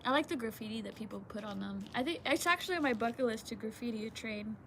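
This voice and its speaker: A woman's voice: on the high side, animated, fast talker, gravelly, bright, forceful tone, slight background noise. A woman rambling in casual chat with a giggly stoner drawl, often losing her thread. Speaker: vlogger.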